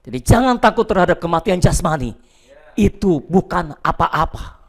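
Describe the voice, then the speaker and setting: A male pastor preaching a sermon to a church and viewers at home, emphatic, dropping between loud declarations and quiet asides. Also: a little high, animated, normal speed.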